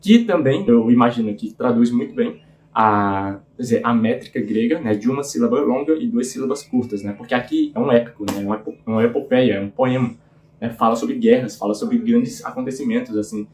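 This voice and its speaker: A man's voice: medium pitch, a little fast, darkish tone, roomy sound. A man hosting a book channel, talking informally and earnestly with lots of filler tags. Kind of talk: casual book review talk.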